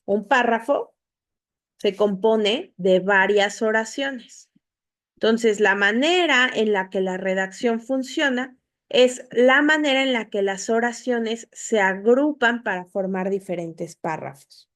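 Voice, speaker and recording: A woman's voice: on the high side, slow pace, a bit bright. A woman, an online course tutor patiently explaining spelling and punctuation to students, often checking in with "ok?". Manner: patient, repeats points, asks "¿ok?".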